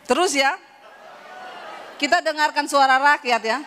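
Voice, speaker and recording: High-voiced, laughing woman preacher. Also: unhurried, some chatter behind, slight background noise. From Sulawesi, Indonesia. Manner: animated, laughing storyteller. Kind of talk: humorous sermon.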